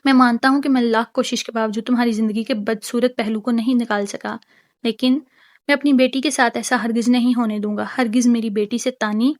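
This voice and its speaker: A woman's voice: a little high, steady tone, lightly acted. A woman voicing a stern, protective young husband in a novel reading, firm and pleading.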